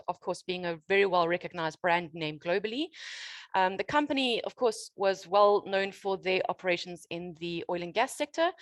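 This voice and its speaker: A woman's voice: mid-range voice, no room sound. A woman hosting a business showcase session, speaking informally with many hesitations and fillers. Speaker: conference host.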